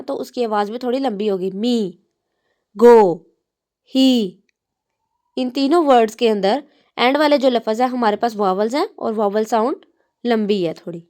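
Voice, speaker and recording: A woman's voice: fairly high pitch, a little mellow. Patient woman teaching syllables. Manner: patient, stretches out example words slowly; mixes English terms into Hindi-Urdu speech. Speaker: English teacher. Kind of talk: classroom explanation.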